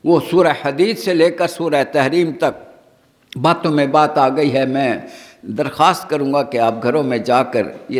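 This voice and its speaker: A man with a Pakistani Urdu accent teaching the Quran as a sermon, impassioned and firing rhetorical questions at his audience. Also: fairly high pitch. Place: large hall at a training camp. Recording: long hall reverb.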